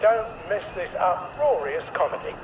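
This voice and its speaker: A formal, official announcer reads camp notices over a loudspeaker in a video game. His voice sits high and moves up and down a lot, yet he keeps a deadpan tone. Faint noise hums behind the broadcast. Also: moderate pace.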